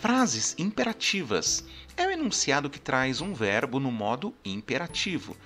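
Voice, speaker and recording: A man's voice: medium pitch, wildly swooping pitch, normal speed, pushed and bright, faint music behind. A man teaching a grammar lesson, explaining step by step and often checking in with his listeners. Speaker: language teacher.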